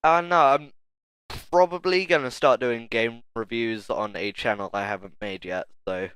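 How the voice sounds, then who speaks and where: A man's voice: mid-range voice, normal speed, a bit bright, clean tone, no echo. A young man co-hosting a casual group podcast, crude and offhand. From Britain. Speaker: podcast co-host. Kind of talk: casual group chat over voice call.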